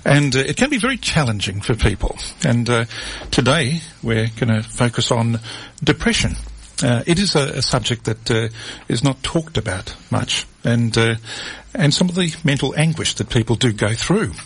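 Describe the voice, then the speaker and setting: A man's voice: mid-range voice, very animated, moderate pace, few pauses, fairly bright tone, slightly rough. A man hosting a community radio health program from a studio, talking with many fillers and restarts. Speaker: radio host. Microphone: studio mic.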